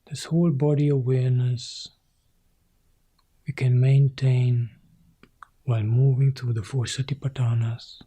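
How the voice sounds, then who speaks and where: Here a man leads a guided meditation as its teacher. He speaks at medium pitch in a breathy, husky, soft voice, keeping his phrases brief and sparse and letting long pauses fall between them.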